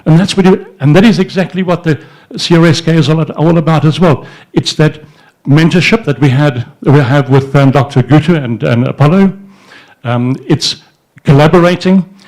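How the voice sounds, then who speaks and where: The recording is rough, carrying a slightly high male voice with a darkish tone. An older entrepreneur speaks informally to an audience at an indoor society event in front of a banner, telling rambling stories full of restarts and fillers into a handheld mic while gesturing with his free hand.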